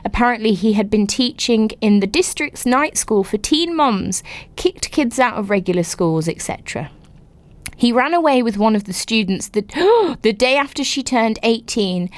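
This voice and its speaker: Giggly woman reading stories aloud. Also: fairly high pitch. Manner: animated, giggly, exclaims often. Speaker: podcast host. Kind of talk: reading and reacting to submitted stories.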